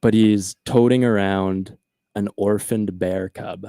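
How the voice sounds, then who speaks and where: A man hosting a podcast, telling a story in casual chat, animated and full of "uh" and "like". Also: fairly low pitch, takes it slowly, no room sound, clean studio sound. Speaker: podcast host.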